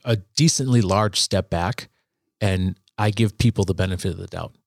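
A man in a casual faith conversation, speaking reflectively with frequent halting restarts. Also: low voice, gravelly, darkish tone, no room sound, studio quality.

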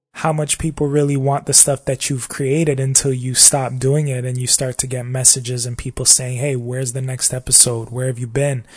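A man hosts a casual solo podcast in a voice of ordinary middle pitch with a slight scratchiness. He talks in a loose, reflective, rambling way and keeps checking in with the listener. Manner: rambling and reflective, often asking "you know what I mean?". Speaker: podcast host.

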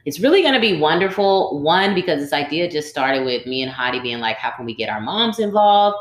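Animated low-voiced woman co-host. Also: fairly quick. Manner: animated, exclamatory. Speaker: podcast co-host. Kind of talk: casual chat. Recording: roomy echo.

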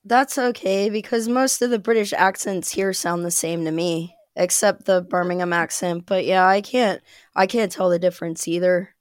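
A woman's voice: lowish voice, moderate pace, dry recording, studio quality. A woman from the Midwest, chatting casually as a podcast guest and laughing as she tells stories. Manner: chatty, laughs often while telling stories. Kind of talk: casual chat.

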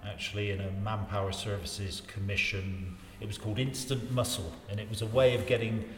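A man, reminiscing casually in a rambling, halting way and repeating his phrases. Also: lowish voice, little pitch movement. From Wiltshire, England. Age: 60s. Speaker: interview guest in local politics. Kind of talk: casual life-story reminiscing. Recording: roomy reverberant space, faint background noise.

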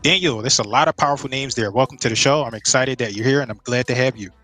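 A man hosts a podcast, reading his guest's introduction from a script and then moving into loose questions, with an occasional stumble. His voice is mid-pitched and dry, with faint music under it. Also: quick pace, fairly bright tone, no echo, poor audio. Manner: reads intro, stumbles on words. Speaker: podcast host.

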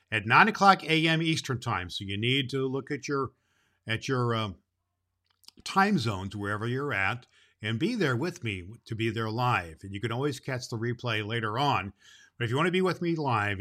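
A man's voice: medium pitch, pushed and bright. A man voicing a jolly, loving Santa Claus, hosting a children's show in a folksy, repetitive, theatrical way. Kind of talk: theatrical storybook podcast hosting.

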